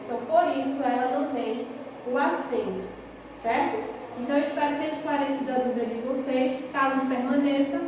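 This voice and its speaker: Woman, teacher, recorded lesson, patient, high-pitched, very echoey room. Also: darkish tone, a little hiss or hum. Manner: patient, explanatory, frequent "ok?" and "certo?" checks. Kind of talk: recorded remote grammar lesson. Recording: roomy echo, long reverb, distant from the mic.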